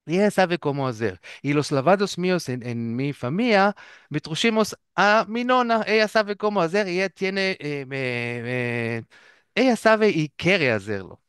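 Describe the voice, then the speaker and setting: Halting man telling stories. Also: on the high side, fairly bright tone, clear, resonant tone, no room sound, clean studio sound. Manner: halting, searches for words, restarts often. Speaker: guest. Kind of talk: casual storytelling.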